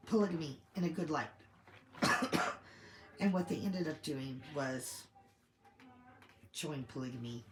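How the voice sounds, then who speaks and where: In the style of an easygoing commentary host, a woman with a deep, faintly hoarse voice left over from a cold talks through her opinions at a thoughtful, measured pace. The audio sounds roomy and echoey, with a slight hiss or hum underneath.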